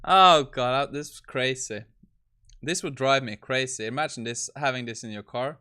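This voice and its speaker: On a casual tech live stream, a male host tries out a voice assistant, alternately amused and exasperated and tossing in laughing asides. His voice sits at medium pitch with a sharp edge, and he talks at a normal speed.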